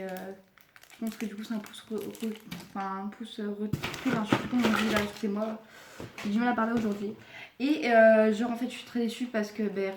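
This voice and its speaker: A young woman vlogger casually unboxing her purchases, talking hesitantly with many fillers and apologies. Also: mid-range voice. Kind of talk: casual unboxing haul video. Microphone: camera mic. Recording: echoey room with clear background noise.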